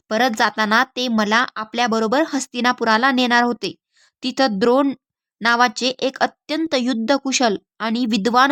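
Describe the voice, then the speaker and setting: A woman's voice: a little high, no room sound. Woman reading a novel in a dry, close voice. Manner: measured, expressive storytelling. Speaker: audiobook reader. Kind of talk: literary audiobook narration.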